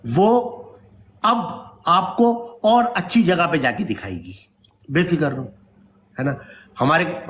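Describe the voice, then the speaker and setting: A man's voice: fairly high pitch, a little hiss or hum. A middle-aged man talking casually as a father, giving a lecture and tagging phrases with "isn't it?". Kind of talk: casual talk to camera.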